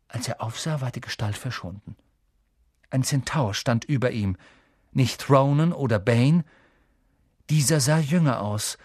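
A man reading an audiobook with steady storytelling narration and dramatic lifts. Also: mid-range voice, a little slow, long pauses, breathy edge, no echo, studio quality. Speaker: audiobook reader. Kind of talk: scripted narration.

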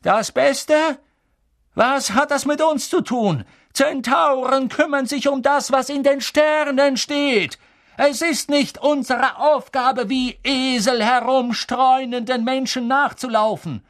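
Bane, a booming furious centaur, as a man puts him on. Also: fairly bright tone, no room sound, clean studio sound, full character voice. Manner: thundering, scornful, slow and drawn out. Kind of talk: audiobook character voice.

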